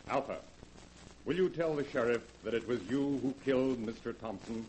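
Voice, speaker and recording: An actor playing a scheming lab man with plans to rule the world, speaking in smooth, measured, coldly calm tones in 1940s radio-drama style. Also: medium pitch, a little hiss or hum, lightly acted, rough recording. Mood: pleading, calm. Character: scheming male lab assistant turned megalomaniac, cold and calm.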